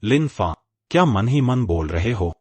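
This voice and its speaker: A man's voice: fairly low pitch, sing-song, a little slow, breathy edge, no echo, heavily acted. A man voicing a loyal, cautious young disciple in a dubbed fantasy drama, earnest in tone. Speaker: sect disciple.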